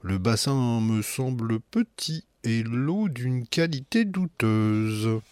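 A man's voice: mid-range voice, animated, slow pace, darkish tone, smooth, no echo. A man voicing a serious, compassionate little boy who talks with a knowing air in a storybook reading. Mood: earnest.

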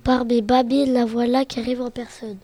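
A woman voicing a lovesick male wolf in a storybook reading, with a low, growly put-on voice. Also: level tone, normal speed, warm tone, no room sound, soft background music. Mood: delighted.

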